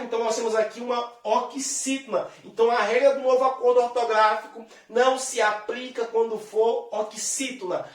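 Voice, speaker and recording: A man teaches a grammar lesson in a friendly, chatty way, pulling the listener along as he goes. He draws out the key words as he explains them. His voice is picked up from some distance and rings in a roomy, echoing space. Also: sits high. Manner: lively and chatty, addresses the viewer directly, draws out example words. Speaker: Portuguese teacher. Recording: echoey room, distant mic.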